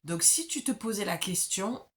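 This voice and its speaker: A woman's voice: mid-range voice, animated, moderate pace. A woman giving an oracle card reading, talking straight to the viewer in a chatty, self-mocking way.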